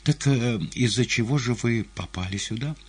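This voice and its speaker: A man voicing a nervous, gentle and fastidious male patient who pleads and slips into whispers. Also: mid-range voice, husky, pitched above the performer's own voice, close to an everyday voice. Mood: excited. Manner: anxious, pleading, drops to a whisper.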